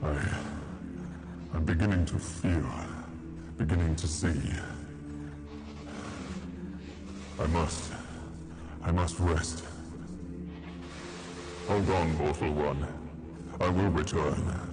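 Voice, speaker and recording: A man voicing an ancient spirit inside a mortal's head in a tabletop game, with slow, theatrical menace. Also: rumbling low, fairly even intonation, loud music behind the voice, voice pushed down. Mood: weary, ominous. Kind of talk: tabletop role-play acting.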